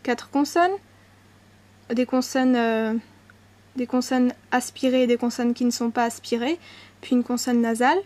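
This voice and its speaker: A woman's voice: a little high, level tone, unhurried, pauses often, darkish tone. A woman teaching a language lesson, patiently repeating each word and spelling things out, now and then correcting herself.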